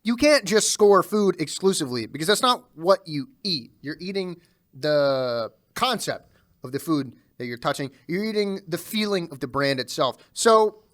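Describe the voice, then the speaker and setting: A young man hosting a casual, jokey food review show, quick to laugh. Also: a little high, expressive, fairly bright tone. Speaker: podcast host. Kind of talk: casual comedic chat.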